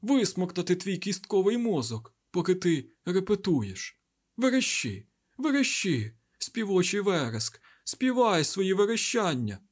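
A mad, bloodthirsty wind-spirit chorus. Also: male voice, high voice, very animated, measured pace, pitched above the performer's own voice, full character voice. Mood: ravenous frenzy.

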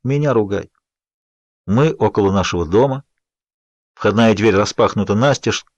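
Man, audiobook narrator, measured, even, dry close recording. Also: lowish voice, dry recording, highs cut off. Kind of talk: scripted first-person narration.

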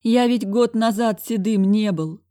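A panicky older school director wails and pleads theatrically, as a woman reads him in a pitched-up, louder voice. The dry, close audiobook recording keeps every whimper up front. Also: unhurried, smooth, no echo. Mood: tearful pleading. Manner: theatrical, whining, exclamatory.

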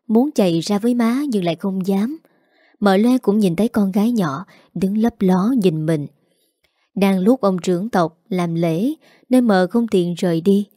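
A woman narrating a storybook in a steady, even way. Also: medium pitch, no echo, clean studio sound.

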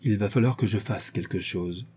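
A man's voice: lowish voice, normal speed, dark tone, slightly rough. A man reading an audiobook, voicing a young bourgeois widow who talks in a dry, level tone. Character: widowed young bourgeois wife, cool and composed.

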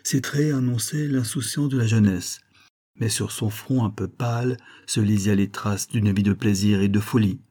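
A man reading a classic short story aloud as an audiobook, in a measured storytelling manner. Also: lowish voice, mellow. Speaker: audiobook reader. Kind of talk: scripted literary narration.

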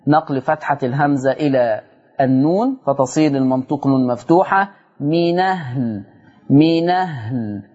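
A man with an Egyptian accent teaching Quran recitation on a broadcast lesson, explaining rules briskly and stretching out example words slowly. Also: mid-range voice, dark tone, slightly rough, dull audio. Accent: Egyptian Arabic.

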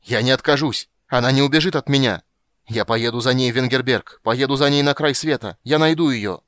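A man voicing a proud, jealous male sorcerer in an audiobook, speaking loudly and bitterly, his voice straining with anger. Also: on the low side, moderate pace, no room sound, lightly acted. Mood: shouting. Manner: loud, shouting, voice cracking with anger. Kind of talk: audiobook character voice.

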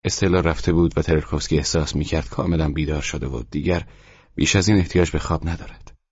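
A man narrating an audiobook in a calm, even reading, in a dull, dry studio recording. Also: a bass voice, breathy edge, dry recording. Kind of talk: scripted narration.

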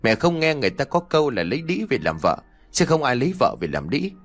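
A man's voice: medium pitch, big pitch swings, quick pace, natural voice. A man voicing a cowardly young village man who pleads and argues with his parents. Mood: defiant. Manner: whiny, pleading.

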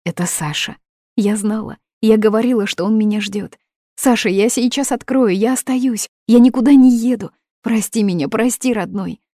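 A woman's voice: sits low, normal speed, darkish tone, husky, dry recording. Desperate young woman, read by a woman, urgent pleading outbursts, raised voice, dry close sound. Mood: frantic.

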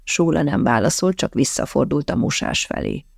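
A woman narrating a novel in a measured, expressive reading. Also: very deep voice, gravelly, no room sound, studio quality. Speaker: audiobook narrator. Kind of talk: scripted narration.

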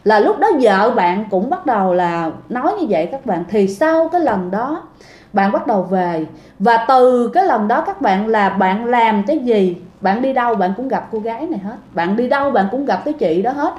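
A woman narrates a ghost story in a loose, chatty way and keeps turning to her listeners. Her voice is fairly high. The recording sounds roomy and echoey. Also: lively intonation, moderate pace, a little mellow. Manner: chatty, addresses listeners directly. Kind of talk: casual storytelling. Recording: echoey room.

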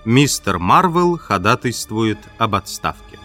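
Low-voiced male audiobook narrator. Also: sing-song, unhurried, sharp tone, soft background music. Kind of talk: scripted narration.

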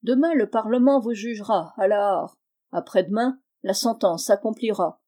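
A cunning, glib sorcerer from a classic audiobook tale, as a woman reads him, preaching in a lofty, wordy way. The voice is mellow and soft-edged, with an even, measured delivery. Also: medium pitch, natural voice. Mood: scheming.

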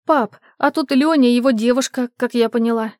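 A high, squeaky young girl, as a woman narrator puts her on, quick and eager in her questions. She sounds bright and sly in a dry, close-up audiobook reading. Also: no room sound, lightly acted.

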